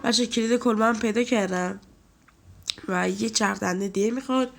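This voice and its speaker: A man's voice: high-pitched, gravelly, a bit bright. A man with a cold giving chatty let's-play commentary, nasal, talking to viewers and scolding the game's characters. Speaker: gaming YouTuber.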